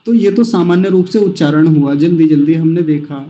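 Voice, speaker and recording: A man teaching the pronunciation of a chant, breaking it into syllables and repeating each one slowly and carefully. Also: fairly high pitch, dark tone, lo-fi sound. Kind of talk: patient recitation lesson.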